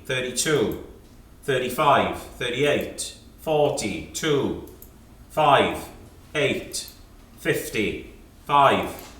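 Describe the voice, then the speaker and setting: A man's voice: medium pitch, fairly bright tone. British auctioneer man, echoey room. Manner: fine art auctioneer patter, clipped numbers, repeated prompts. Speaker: auctioneer at an antiques sale. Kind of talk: live auction calling, reeling off rising bids. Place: indoor auction sale room. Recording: echoey sale room, distant microphone.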